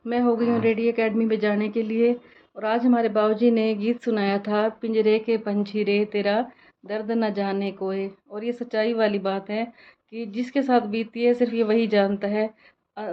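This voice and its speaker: A woman's voice: a little high, little pitch movement, normal speed. A woman, chatting to viewers directly in a casual family vlog. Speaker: vlogger. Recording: slightly dull phone audio with faint noise.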